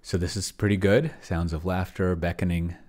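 A moderately paced, low-sitting voice with a steady tone and a slightly mellow quality belongs to a middle-aged man. Indoors in a room with shelves, he tests an AI dungeon master as a solo roleplayer, rambling and muttering while reading and typing on a screen share.

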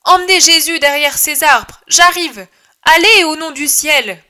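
A woman reader voicing Judas, a bold male disciple who shouts commanding orders and threats at an angry crowd. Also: sits high, a little slow, voice pushed up, heavily acted. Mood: shouting defiance.

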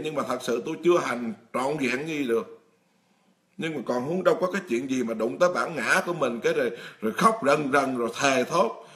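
A man's voice: a little high, a bit bright. A middle-aged man, a monk giving a blunt, emphatic sermon straight to his congregation. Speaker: Buddhist monk preaching. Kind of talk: dharma talk sermon.

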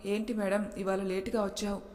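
A woman voicing a cheerful young office colleague who talks in a chatty, lively way, with a long reverb. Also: mid-range voice, brisk, close to an everyday voice.

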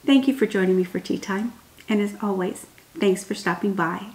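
A woman in her sixties, speaking softly and unhurriedly to the camera from her dining room, with many pauses and ums, in a gentle devotional talk. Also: medium pitch. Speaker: homemaking vlogger. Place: dining room at home, indoors. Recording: roomy home recording.

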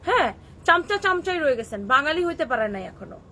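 Hosting a live stream for her clothing shop, this woman from Bangladesh speaks Kishoreganj-accented Bengali mixed with English as she scolds viewers' comments. Her voice is high and sing-song, fairly quick and sharp-toned, over faint background noise.

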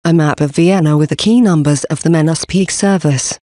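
Guy reading out a company pitch off a script, kinda high voice, dry sound, spells out symbols and numbers one by one. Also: normal speed, warm tone, no echo. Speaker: company presenter. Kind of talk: scripted presentation narration.

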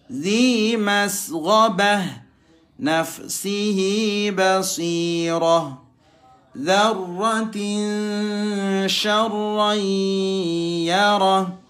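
A man's voice: high voice, a bit bright. An Indonesian man teaching Quran reading, chanting Arabic examples with over-enunciated, stretched syllables. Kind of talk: instructional lesson with chanted Arabic recitation examples.

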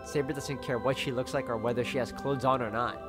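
A man's voice: mid-range voice, fairly even intonation, a little fast, music in the background. A man reading first-person story narration aloud from a visual novel. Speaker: reader of a visual novel playthrough.

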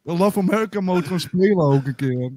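A man with a fairly high voice chats casually while gaming. He is argumentative and insistent, and music plays in the background. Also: animated, quick pace, darkish tone, no echo. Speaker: gaming show host. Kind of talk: casual banter during game play.

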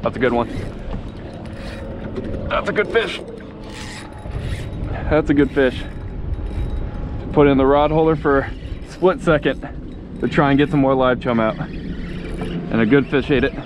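A man giving casual, excited fishing commentary from a small boat, chatting to the fish as he reels them in, recorded on a head-mounted action camera. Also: medium pitch, measured pace, long pauses, lo-fi sound. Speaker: fishing vlogger. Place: outdoors on a small boat on open water. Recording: wind and water noise outdoors.

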